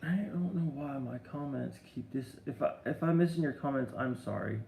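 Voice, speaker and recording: A middle-aged man chats casually on a live stream, his voice gravelly with fry. He tells rambling stories full of restarts and answers viewer comments, and the audio sounds roomy. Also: mid-range voice, moderate pace, mellow, a little hiss or hum. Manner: rambling storytelling with many restarts and fillers.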